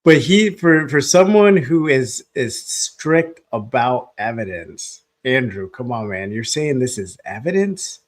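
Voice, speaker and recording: Male stream host, casual and rambling, chuckles often, mid-pitched everyday voice. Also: expressive, a little slow, few pauses. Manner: rambling, restarts often, laughs between phrases. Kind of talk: casual live reaction stream.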